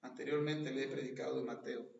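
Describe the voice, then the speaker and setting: A man with a Mexican accent preaching a sermon as pastor, a lively storyteller who jokes and acts out the scenes he reads. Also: medium pitch, fast talker, gravelly. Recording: very echoey, dull lo-fi podcast audio.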